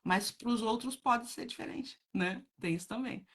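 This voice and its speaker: A woman's voice: a little high, normal speed. A woman hosting a casual chat, talking bluntly and frankly to her viewers and laughing often. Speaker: host reading viewer comments.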